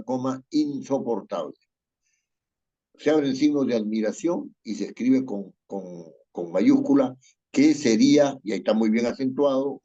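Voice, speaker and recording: A male writing teacher leads an online class with a mellow, slightly husky voice. He reads a passage aloud, names every comma and accent mark, and keeps asking his students to confirm. The sound is dull and lo-fi, like a video call. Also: medium pitch. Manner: dictates punctuation aloud, checks with "¿no es cierto?". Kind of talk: online class, reading and correcting a text.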